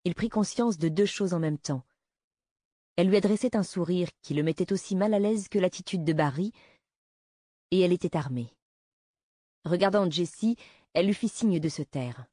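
A woman narrating a novel in a steady, measured reading style. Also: fairly low pitch, dry recording, clean studio sound. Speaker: audiobook narrator. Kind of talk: scripted narration.

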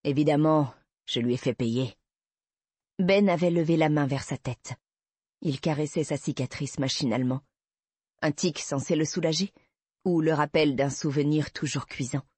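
A man narrating an audiobook in a measured, even storytelling manner. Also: fairly high pitch, slightly rough, no room sound.

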